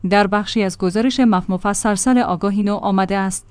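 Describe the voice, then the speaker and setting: A woman reads a news magazine report aloud. Her delivery is steady and measured, at a middle pitch. The sound is dry and close, with no room echo. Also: clean tone. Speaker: news reader.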